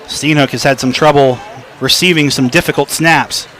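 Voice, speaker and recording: Bright, excitable man making a touchdown call. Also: on the high side, moderate pace, slight background noise, poor audio. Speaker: play-by-play announcer. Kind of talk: live high school football radio commentary. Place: stadium broadcast booth. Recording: crowd behind, outdoor game ambience.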